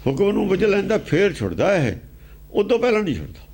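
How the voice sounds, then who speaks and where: A man preaching a sermon, repeating phrases for emphasis and asking rhetorical questions, slowing to chant quoted verses before explaining them. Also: high-pitched, huge pitch swings, darkish tone. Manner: chants quoted verses slowly, then explains in rapid spoken commentary. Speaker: preacher expounding scripture.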